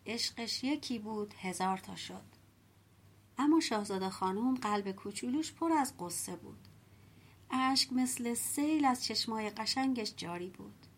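A woman reading a folk-tale audiobook in an even storytelling voice. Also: mid-range voice. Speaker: audiobook narrator.

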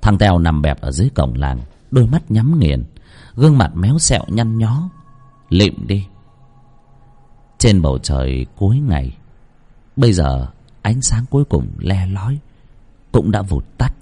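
Husky low-voiced male ghost-story teller. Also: a little slow, long pauses. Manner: expressive, suspenseful. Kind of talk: dramatic ghost story narration. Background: soft background music.

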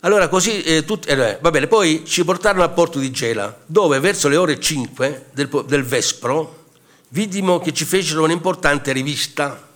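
An older man presenting his book, telling a story and reading from a war diary aloud in a halting way, with many restarts. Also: mid-range voice, a bit bright.

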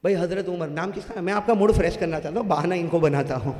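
A middle-aged man preaching a sermon in a mosque, pressing the crowd to call back answers and swinging from loud calls to low asides. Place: mosque prayer hall. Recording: echoey hall with long reverb.

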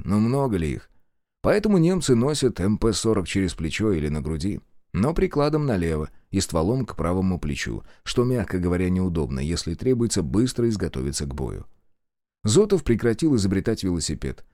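A man narrating an audiobook in an expressive storytelling manner. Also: low voice, no echo, clean studio sound. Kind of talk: scripted narration.

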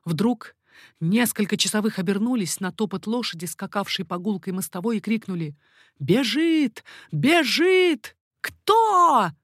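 A woman narrating a historical novel as an audiobook, with a steady, expressive reading. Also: mid-range voice, a little fast, dry recording, studio quality.

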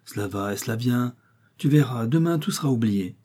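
A man reading aloud and voicing a gentle, ailing middle-aged mother who speaks in soft, soothing reassurances. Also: mid-range voice, expressive, a little fast, husky. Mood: reassuring.

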